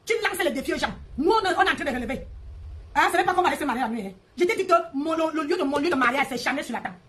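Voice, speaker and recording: A high-pitched woman hosts a live stream and rants at her rivals. She mocks them and repeats her jabs in a heated, confrontational way. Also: expressive, racing, fairly bright tone. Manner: mocking, repetitive, confrontational.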